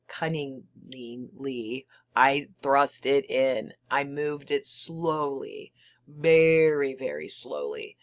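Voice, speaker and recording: A performer voicing an unhinged murderer who insists on being sane, in a theatrical, halting, gleefully confiding dramatic reading of a gothic horror story. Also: medium pitch, a bit bright. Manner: halting, theatrical, emphatic, breaking into whispers and chuckles.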